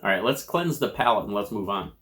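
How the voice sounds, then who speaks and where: An American man giving a casual food review to camera in a measured, descriptive way, crunching and chewing chips between remarks. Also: on the low side, lively intonation, fairly bright tone. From United States.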